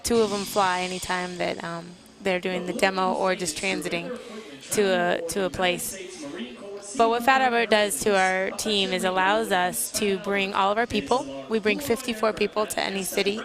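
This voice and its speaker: A woman's voice: medium pitch, fairly even intonation, normal speed, crowd noise. A woman from a military flight team giving live air show commentary as an interview guest, explaining things informally.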